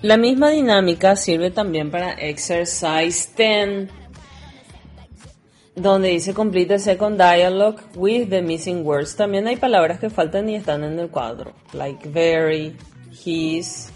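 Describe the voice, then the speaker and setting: A woman's voice: lowish voice, slow, darkish tone, faint music behind. A woman teaching English and walking students through worksheet exercises with patient, step-by-step explanations that mix Spanish and English. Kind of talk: recorded classroom lesson explaining worksheet exercises.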